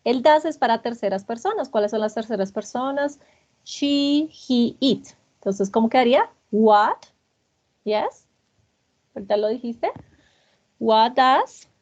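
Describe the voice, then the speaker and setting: Husky-voiced woman teacher, lo-fi recording. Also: a little high, expressive, unhurried, darkish tone. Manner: patient, repeats student answers and praises them. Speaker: English teacher. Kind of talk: classroom grammar lesson.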